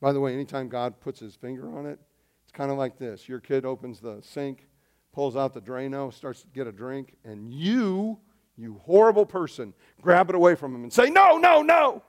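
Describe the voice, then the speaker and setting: A man preaching a sermon as pastor, swinging between loud emphasis and quiet asides. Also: medium pitch, normal speed.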